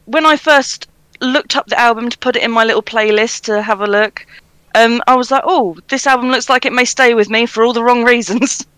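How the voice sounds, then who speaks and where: A woman's voice: on the high side, bright, forceful tone, clear, resonant tone, no room sound, rough recording. A woman giving a casual album review, giggly with many ums. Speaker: panelist reviewer.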